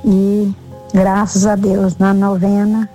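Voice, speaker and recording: A woman from Argentina, giving a simple, grateful testimony with pauses as a radio caller. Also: mid-range voice, completely flat delivery, dark tone, faint music behind, low-quality recording. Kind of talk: recorded testimony.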